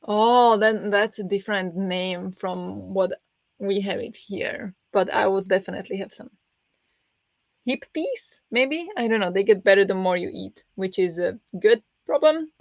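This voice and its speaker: A woman hosting reading sprints on her book stream rambles through casual chat with viewers, full of fillers and restarts. Her medium-pitched voice is pressed and slips easily into raspiness, and she speaks a little slowly. The recording is dry, with a dull lo-fi sound.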